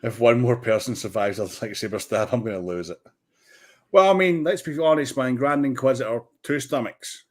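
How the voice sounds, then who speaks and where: A man hosting a casual livestream watch party, excitable, swearing casually and restarting his sentences. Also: medium pitch, moderate pace. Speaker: livestream host.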